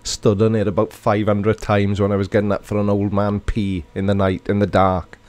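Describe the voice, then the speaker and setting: His voice is lowish and darkish, delivered in a monotone at a moderate pace. He's a middle-aged man from Wales, speaking with a Welsh accent as he casually chats and reads viewer comments aloud while hosting a livestream.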